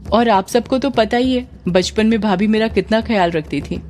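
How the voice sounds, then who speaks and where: A woman's voice: mid-range voice, normal speed, darkish tone, faint music behind, close to an everyday voice. A woman voicing a polite, easygoing young man in a spoken story.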